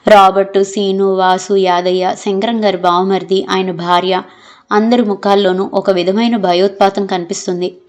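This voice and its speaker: A woman narrating an audio novel in a steady, measured storytelling manner. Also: medium pitch.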